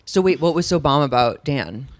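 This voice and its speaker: A man hosting a casual chat, teasing his guest with quick quips. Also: a little high, expressive, noisy background. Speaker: podcast host.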